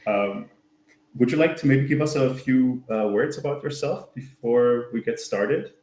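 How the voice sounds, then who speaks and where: A man's voice: medium pitch, a little slow, darkish tone, roomy sound, poor audio. A man hosting an online user group meetup, talking casually with many fillers and restarts. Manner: friendly, full of fillers and restarts.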